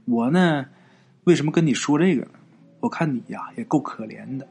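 A man's voice: medium pitch, a little fast, gravelly, darkish tone, breathy edge, faint music behind, pitched below the performer's own voice. A male storyteller voicing a doting middle-aged wife who stammers when unsure and snaps when her family is doubted. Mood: tender, hesitant.

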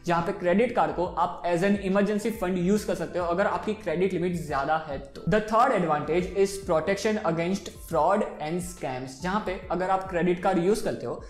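A man's voice: high-pitched, a little slow, hardly any pauses, soft background music. Hindi-English chatty young man, echoey room. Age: 20s. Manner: mixes Hindi and English freely, chatty and direct. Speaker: personal finance YouTuber. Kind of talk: casual explainer talk to camera.

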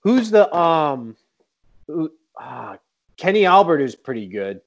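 A man's voice: a little high, slow, gravelly, dull audio. A man chatting casually and jokingly about sports, with many fillers. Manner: animated, joking, lots of fillers. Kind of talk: casual chat.

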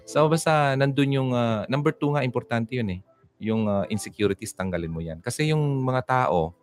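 A man's voice: moderate pace, soft background music. A man giving casual relationship advice to women, mixing English into his talk and checking in with "okay?" after nearly every point. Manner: mixes English into Tagalog, keeps asking "okay?"; lively, jumping pitch for emphasis.

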